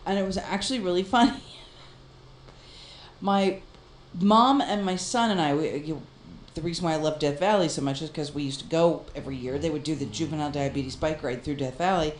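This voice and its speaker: A woman co-hosting a casual chat, telling a story in an animated way and laughing often. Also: sits low, fairly quick, echoey room, slight background noise. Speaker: podcast co-host.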